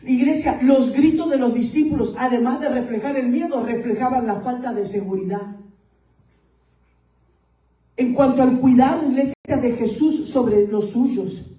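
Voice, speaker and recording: A woman pastor preaches to her congregation in a high, mellow voice. She calls out to the church, builds to emphatic peaks and drops to hushed asides. The sound is roomy, with her voice set a little back from the mic. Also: distant mic. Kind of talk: sermon.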